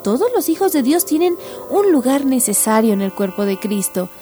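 A woman reading scripture and a children's devotional in an earnest, measured, reverent way. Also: sits high, very animated, warm tone. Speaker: devotional reader. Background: music.

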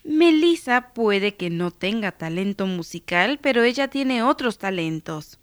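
Woman as a gentle reassuring mother. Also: medium pitch, lively intonation, a little slow, no room sound, close to an everyday voice.

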